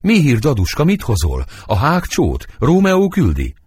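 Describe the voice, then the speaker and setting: A desperate young girl pours out grief and fury in dramatic verse, voiced by a man in his own low register. The voice is husky and swings widely in pitch. The sound is dry and close. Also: huge pitch swings, a little mellow, dry recording, heavily acted. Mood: anguished. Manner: impassioned verse reading. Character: young girl Juliet, passionate and anguished.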